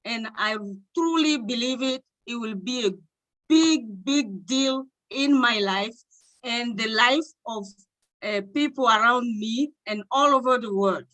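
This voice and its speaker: A woman from Togo, co-hosting an online panel, speaking with excitement and many halting fillers. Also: on the high side, low-quality recording. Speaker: co-host.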